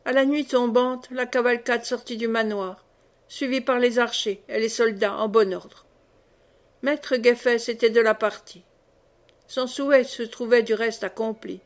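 A woman narrating a classic novel in a measured, expressive reading. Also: on the high side. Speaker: audiobook reader. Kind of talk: scripted narration.

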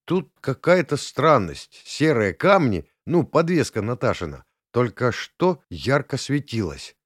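A man voicing a brisk, jaunty young man in an audiobook, pleased with himself. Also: medium pitch, very animated, husky, no room sound, studio quality, pitched above the performer's own voice. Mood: puzzled. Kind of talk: audiobook character voice.

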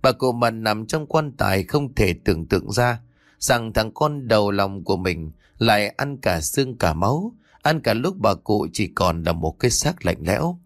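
Male narrator, dramatic story reading, animated pitch, dry close mic, soft music bed. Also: moderate pace, no room sound. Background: faint background music.

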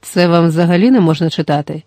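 A reader voicing a stern male sorcerer who speaks slowly in a low, monotonous, insistent way. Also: no echo, clean studio sound, lightly acted. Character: stern male sorcerer servant, calm and commanding.

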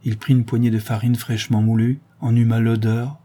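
A man reading a classic novella aloud as narrator in a measured, literary way. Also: medium pitch, flat delivery, mellow, husky.

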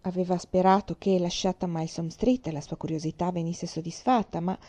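A woman narrating a classic novel as an audiobook reader, in a measured storytelling manner. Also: on the low side, fairly even intonation, dark tone.

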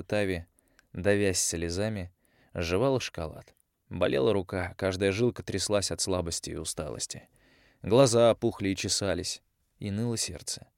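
A man narrating an audiobook in an even, measured reading style. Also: low voice, clean tone, no room sound, clean studio sound. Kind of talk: scripted narration.

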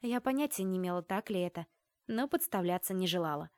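A woman's voice: lowish voice, expressive, quick pace, no echo, studio quality. Wry woman reading an audiobook. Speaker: audiobook narrator. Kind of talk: first-person audiobook narration.

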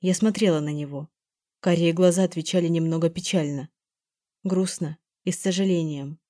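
Woman, audiobook narrator, first-person story, mellow dark tone, dry close mic. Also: lowish voice, fairly even intonation, moderate pace, no room sound.

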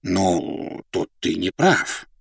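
A man voicing an elderly, mild-mannered prince governor in an audiobook, gentle and slightly raised. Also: medium pitch, big pitch swings, a little slow, no room sound, pitched above the performer's own voice. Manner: meek, gentle, mildly insistent.

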